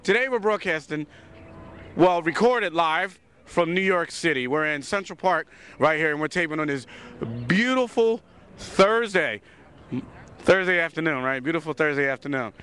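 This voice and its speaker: A man's voice: on the high side, animated, normal speed, a bit bright, a little hiss or hum. A man hosting a casual talk show recorded outdoors in a city park, loose and repeating words as he thinks. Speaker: host.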